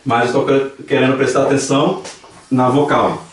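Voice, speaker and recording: A man's voice: mid-range voice, level tone, normal speed. A man with a Brazilian Portuguese accent teaching a language class, patiently explaining and repeating examples aloud. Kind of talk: classroom lesson. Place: church classroom. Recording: echoey room, distant mic.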